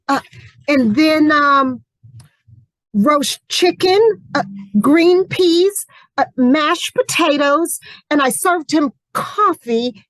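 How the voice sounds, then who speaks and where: Woman acting a high-pitched, fretful housewife. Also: no room sound, rough recording. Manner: hesitant, stammering when questioned. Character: shocked, fretful housewife hostess and new widow. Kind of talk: amateur radio mystery acting.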